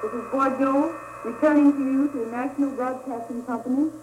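A woman radio correspondent giving a formal, measured news report, heard as an old newsreel-style archival broadcast. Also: high-pitched, steady tone, background noise.

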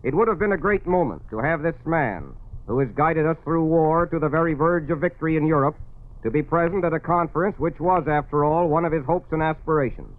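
A male news commentator giving formal, measured radio commentary in a solemn tone, heard as an old 1940s broadcast. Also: fairly high pitch, narrow, tinny audio.

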